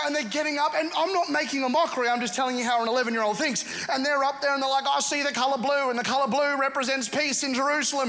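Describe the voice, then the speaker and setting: A man preaching at a revival service, telling funny stories with quick asides and bursts of shouting. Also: extremely high pitch. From England. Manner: humorous, animated storytelling with quick asides. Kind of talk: sermon. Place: church service with congregation.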